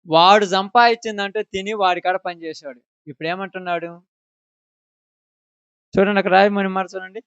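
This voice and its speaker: A man's voice: sits high, fairly even intonation, a little fast, long pauses, fairly bright tone, clear, resonant tone, no room sound, dull audio. A man preaching a sermon, asking the congregation question after question to drive home his points. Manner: emphatic, asks the congregation questions.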